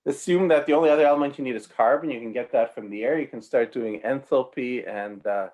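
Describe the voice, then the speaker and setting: A man preaching an apologetics sermon in an emphatic way, his pitch leaping suddenly and his pace speeding up and slowing down. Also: darkish tone.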